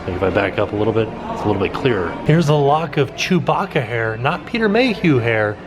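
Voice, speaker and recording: A man's voice: mid-range voice, sing-song, brisk, background noise. A man giving casual, off-the-cuff vlog commentary as he tours exhibits, pointing things out with mild amazement. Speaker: vlogger touring a museum. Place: indoor museum exhibit rooms. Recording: loud music behind the voice.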